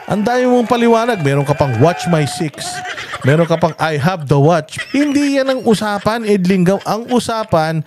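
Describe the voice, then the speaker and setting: A man's voice: high voice, animated, moderate pace, a little mellow, a little hiss or hum. A Filipino man hosting a political commentary vlog, ranting in a mocking, scornful tone and laughing often.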